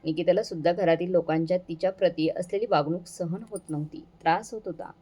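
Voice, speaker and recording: A woman storyteller narrating a moral family story in a steady, earnest reading. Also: fairly low pitch, fast, husky.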